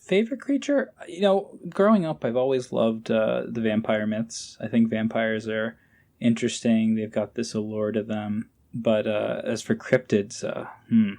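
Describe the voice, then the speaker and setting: An amateur voice actor appears as a podcast guest, chatting casually in an informal, somewhat hesitant but enthusiastic way. His voice is fairly low, a little mellow, and a little slow.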